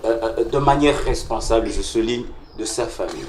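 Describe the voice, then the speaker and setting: A low-voiced man hosts a TV culture interview, tripping over repeated words while he shapes each question. He sounds distant in an echoey room with a faint hum of noise. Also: a little fast, a little mellow. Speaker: TV culture show host. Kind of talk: interviewing a guest.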